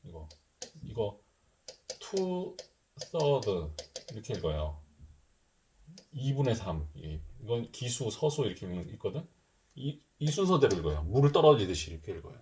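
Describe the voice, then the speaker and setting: A man's voice: fairly low pitch, very animated, moderate pace, pauses often, a little mellow, a little hiss or hum. A middle-aged man teaching a middle school math lesson in a casual style, thinking aloud and mixing polite and casual speech. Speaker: math tutor.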